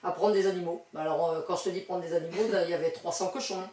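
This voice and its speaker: A woman's voice: lowish voice, steady tone, fast talker, over a noisy crowd. An older woman from the French countryside, chatting as an interview guest in a loose, filler-heavy way with laughing asides. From western France countryside. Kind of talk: casual interview chat. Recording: roomy sound from a distant mic.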